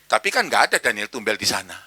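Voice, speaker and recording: A man with an East Javanese accent preaching a sermon in church, animated and slipping into Javanese slang while acting out voices. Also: lowish voice, quick pace. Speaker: pastor.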